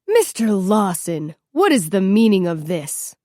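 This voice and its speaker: A woman's voice: mid-range voice, very animated, a little slow, dark tone, no room sound, clean studio sound. A woman voicing a stern middle-aged male vice principal barking orders in an audiobook. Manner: barking, authoritative.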